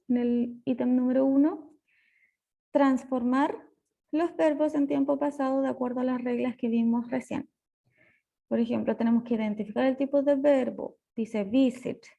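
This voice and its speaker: High, gravelly woman teacher explaining. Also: mellow. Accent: Chilean Spanish. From Chile. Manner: patient step-by-step explaining, slows on key words. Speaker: English teacher. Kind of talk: recorded lesson explanation.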